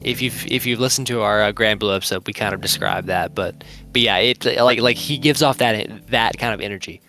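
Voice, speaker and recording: Fairly quick and creaky, this young man's lowish voice has a sharp edge. Co-hosting an anime review podcast, he rambles casually and fills his talk with "like." Faint music plays behind him.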